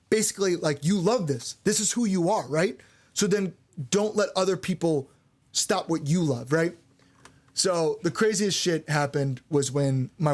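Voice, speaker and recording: A young man in a relaxed podcast chat, speaking a little higher than most men. He tells stories candidly, with plenty of "like" and frequent swearing. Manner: loose and candid, swears freely, lots of "like". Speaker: band frontman and podcast co-host. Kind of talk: casual storytelling on a podcast.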